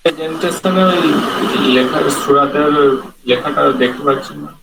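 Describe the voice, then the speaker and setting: A man who is a student in an online class, slowly reciting letter drills in a measured, repetitive way. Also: fairly high pitch, distant mic, a crowd in the background, low-quality recording.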